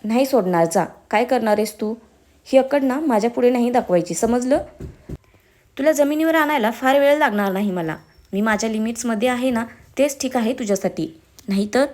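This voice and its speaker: A hot-tempered young husband in an audio story, sneering at his wife with low threats and mocking remarks, as a woman narrator puts him on. The voice stays fairly high throughout. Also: brisk, darkish tone, close to an everyday voice. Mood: menacing.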